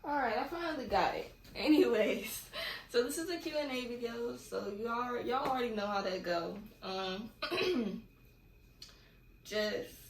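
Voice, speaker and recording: A young California woman rambles casually through a Q&A vlog at home. Her voice sits on the high side, with lively intonation and a slightly slow pace. The room is echoey, with faint background noise.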